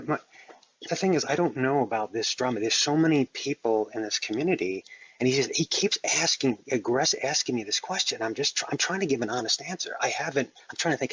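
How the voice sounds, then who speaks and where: A shaken man on a live audio chat, talking in halting, apologetic bursts full of stammers. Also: mid-range voice, animated, a bit bright, husky, no echo, poor audio. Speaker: Clubhouse speaker.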